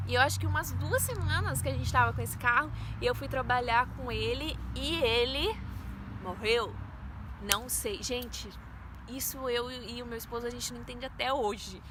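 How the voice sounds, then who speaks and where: A woman in her twenties with a Brazilian Portuguese accent earnestly shares a personal faith testimony with her viewers, calling them "gente" as she tells her story. She's a vlogger, and her voice sits fairly high at a normal speed, with background noise behind it.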